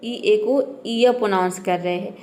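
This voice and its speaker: A woman teaching English pronunciation rules, patiently asking and answering her own questions and repeating each word slowly. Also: medium pitch, darkish tone. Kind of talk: spoken lesson on pronunciation rules.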